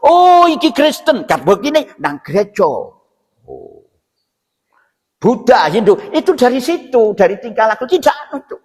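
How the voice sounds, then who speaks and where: His voice sits very high yet has a darkish tone, rising and falling widely as he takes his time. The man, Javanese-accented, preaches informally inside a mosque, using rhetorical questions and tags to check his listeners follow the scripture, while the room rings with reverb.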